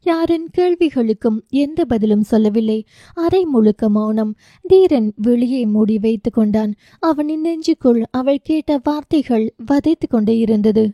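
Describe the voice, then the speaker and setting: A woman's voice: fairly high pitch, a little slow, warm tone, dry recording. A woman narrating an emotional family novel as an audiobook, voicing the dialogue lightly in her own voice. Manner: reads all parts in her own voice, barely shifting for characters.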